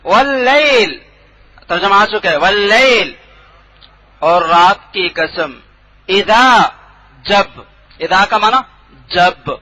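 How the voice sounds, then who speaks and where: A man teaching a classroom lesson on Quran translation, quizzing his students and repeating each word slowly. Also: high voice, sharp tone, poor audio. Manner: drills students with questions and repeats words slowly. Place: classroom without a board.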